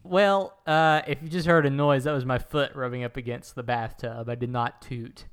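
A man chats and jokes as a podcast co-host, his voice smooth and resonant. It carries an echo that bounces off the tiles of the bathtub he sits in, like an indoor swimming pool. His banter runs silly and playful. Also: medium pitch, fairly even intonation, moderate pace. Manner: jokey, playfully absurd banter. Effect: echoey bathtub sound, like an indoor swimming pool. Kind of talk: casual chat. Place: inside his bathtub at home. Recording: echoey tiled-bathroom recording.

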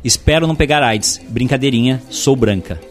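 Man, mid pitch, storyteller, reads aloud, podcast chat. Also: faint music behind. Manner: storytelling, reads out articles, talks slowly at times. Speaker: podcast co-host. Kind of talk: casual group chat, reading aloud.

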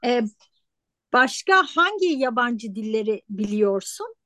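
A woman's voice: on the high side, very animated, measured pace, bright, forceful tone, no room sound, clean studio sound. A woman hosting a casual interview, asking her guest questions. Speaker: host, interviewer.

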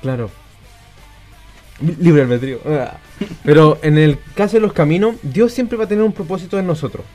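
A man with a mellow, warm tone and a slightly high pitch explains a point about faith in a measured, steady way. Faint music runs underneath. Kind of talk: casual faith chat.

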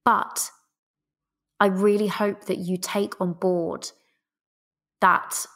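Female podcast host, thirties, British. Chatty coach addressing listeners, breezy and cheeky with a theatrical streak, mid-range pitch. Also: flat delivery, drawn-out words, fairly bright tone.

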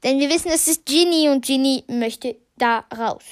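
A woman's voice: high voice, normal speed. A woman hosting a casual podcast, reading short passages from a book and commenting on them, thinking aloud with many fillers and restarts. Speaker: podcast host.

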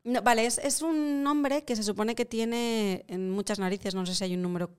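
Smooth-voiced woman, playful storyteller. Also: on the high side, moderate pace, a little mellow. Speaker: actress, guest co-host. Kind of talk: casual chat.

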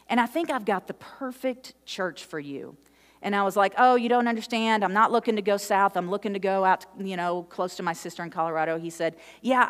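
A woman pastor preaches a sermon, narrating her own story and acting out the voices in her past conversations. Her voice sits at a middle pitch. It carries a long reverb from the church sanctuary.

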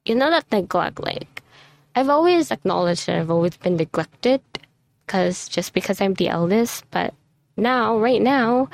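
A woman's voice: medium pitch, creaky, a little mellow. A tired woman venting frankly into her microphone at home, swearing now and then and close to tears. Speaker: vlogger. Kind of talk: casual ranting monologue. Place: messy room at home. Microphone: desk microphone.

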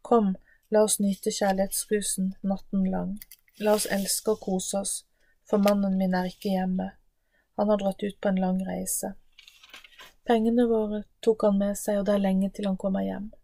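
A woman's voice: mid-range voice, gravelly. A woman reading as a coaxing seductress. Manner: flattering, eager. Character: seductive married woman luring a youth. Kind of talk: scripted Bible reading.

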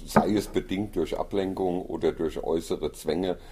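Deep-voiced man, gravelly husky interviewer, affirming, dark tone. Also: fairly even intonation. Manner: affirming, measured. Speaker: interviewer host. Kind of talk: interview questions.

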